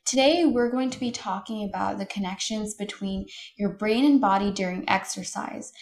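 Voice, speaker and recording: A young female host with a bright, curious manner, presenting a science podcast from a script. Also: medium pitch, moderate pace.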